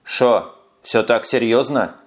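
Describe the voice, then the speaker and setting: A man voicing a stubborn older police sergeant with a Ukrainian accent, who talks slowly and bluntly in an audiobook. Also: mid-range voice, a bit bright. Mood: grumbling. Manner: slow, grumbling, blunt.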